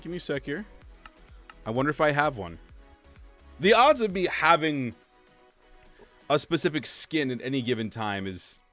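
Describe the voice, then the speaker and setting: A young man chatting casually on a game livestream, answering viewers and filling pauses with "like" and "uh". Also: on the high side, a bit bright, dry recording. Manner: chatty, reads and answers chat, many fillers. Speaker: streamer. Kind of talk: casual livestream chat while playing.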